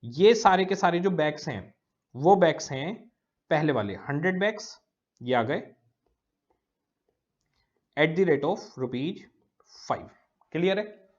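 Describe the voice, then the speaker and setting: Lo-fi recording of a slow-explaining male teacher. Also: a little high, lively intonation. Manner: explains slowly, repeats key words, checks understanding. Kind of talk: recorded classroom lecture. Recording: dull lo-fi lecture recording.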